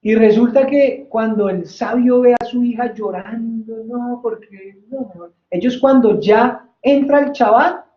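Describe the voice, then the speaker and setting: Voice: mid-range voice, a little slow, hardly any pauses. A Bible-study teacher leading a faith study, telling stories and often checking in with the class. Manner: lively, asks "¿sí?" to check the class, tells stories. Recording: roomy, slightly dull recording.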